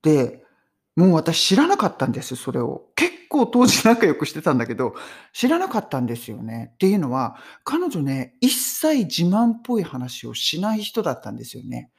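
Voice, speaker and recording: Lively Japanese woman teaching English. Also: low voice, normal speed, gravelly, slightly rough. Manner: chatty, animated storytelling with laughs. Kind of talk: casual English lesson.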